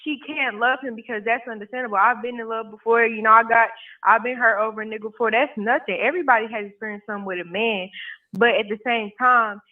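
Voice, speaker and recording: A woman's voice: a little high, fairly even intonation, fast. A woman of about twenty calling in to a live show, talking casually and matter-of-factly, with many "you know" fillers. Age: 20s. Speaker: caller. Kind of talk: casual call-in chat. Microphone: phone. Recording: tinny phone line.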